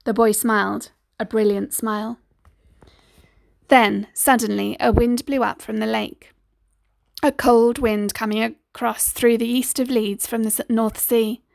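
A woman reads a first-person story for an audiobook in a measured, deliberate manner. Her fairly high voice has a gravelly, creaky edge, and the recording is dry and close.

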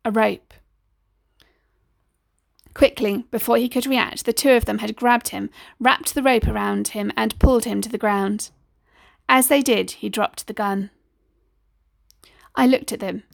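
Woman reading an audiobook story, slow and steady, kinda high, gravelly, dry close sound. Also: no echo. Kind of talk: scripted audiobook narration.

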